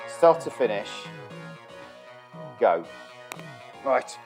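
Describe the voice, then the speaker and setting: Streaming from his bedroom, a gamer talks very slowly in a sing-song, mid-range voice, cursing often and griping at the game as he chats casually. Game music plays underneath, and the recording is rough.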